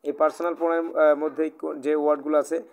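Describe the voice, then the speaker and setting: A man with a Bangladeshi Bengali accent leads a live online Chinese lesson, speaking in a somewhat raised voice. He is patient and explains things twice, rephrasing as he goes and filling pauses with "ah". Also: on the high side, little pitch movement, a little mellow, dull audio. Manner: patient, repeats and rephrases, many "ah" fillers. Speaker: Chinese language teacher. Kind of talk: live online language class, oral exam.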